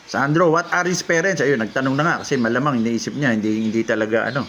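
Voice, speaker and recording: A man's voice: mid-range voice, fast, a bit bright, slight background noise. A man, a lovebird breeder on a casual livestream, reading out viewers' names and comments and reacting to them. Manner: reads out commenters' names and messages, then reacts.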